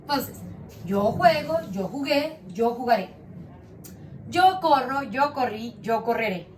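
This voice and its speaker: Slow, patient woman teaching children. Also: fairly high pitch, lively intonation, slight background noise. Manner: slow and patient, asks questions and praises answers. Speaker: primary school teacher.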